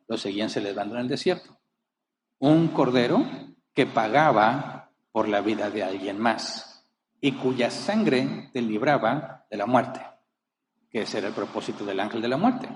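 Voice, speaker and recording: A man's voice: mid-range voice, in a large hall, a little hiss or hum. A man preaching a sermon as a pastor, emphatic, rising and falling, asking rhetorical questions. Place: church.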